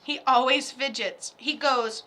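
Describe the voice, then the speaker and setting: Bright-voiced, animated woman medium. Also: sits high. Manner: animated, chatty, swears, quick asides. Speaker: psychic medium. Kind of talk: casual spoken reading, video call.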